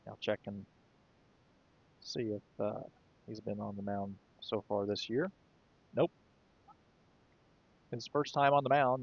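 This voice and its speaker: A man doing relaxed, conversational play-by-play commentary for a baseball game, with occasional fillers. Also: mid-range voice, dry recording, dull audio. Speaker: play-by-play announcer.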